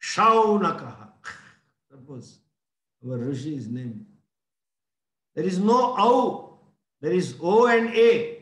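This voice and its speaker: A man with an Indian English accent teaching a scripture class, explaining slowly and often chuckling. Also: sits high, animated, echoey room. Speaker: spiritual teacher.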